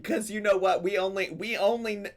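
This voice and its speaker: A high-pitched man speaks steadily and a little fast as the host of a gossip commentary channel reacting to clips. He is chatty and sassy, with laughter between his remarks.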